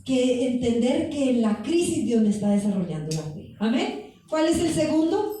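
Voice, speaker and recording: A woman's voice: sits high, sing-song, moderate pace, mellow, a little hiss or hum. A woman preacher giving a fervent sermon, speaking directly to her congregation in a church. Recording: echoey hall from far off.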